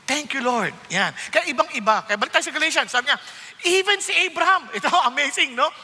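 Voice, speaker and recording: A Filipino man preaching a sermon as pastor, animated, switching between Tagalog and English and often checking that his listeners follow. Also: very high voice, a little fast, in a large hall. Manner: animated preaching mixing Tagalog and English, frequent "Nakuha niyo?" check-ins.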